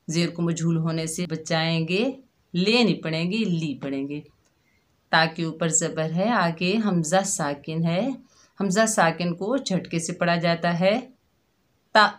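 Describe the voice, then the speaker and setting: A woman with a somewhat low voice leads a tajweed lesson. She speaks very slowly and patiently, spelling out each sound and saying it again. Her delivery is steady and instructional. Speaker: Quran recitation teacher. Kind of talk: slow step-by-step tajweed lesson.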